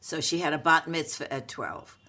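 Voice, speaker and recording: Woman, late eighties, New with flavor. Halting, wry, playful conversational storyteller. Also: low voice, pushed and bright. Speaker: comedic actress, podcast co-host.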